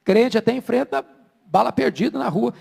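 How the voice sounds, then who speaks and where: Brazilian pastor, very high gravelly voice, dramatic sermon delivery, long hall echo. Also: male voice, animated. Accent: Brazilian Portuguese. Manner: dramatic preaching, swinging from soft low asides to loud slow emphasis.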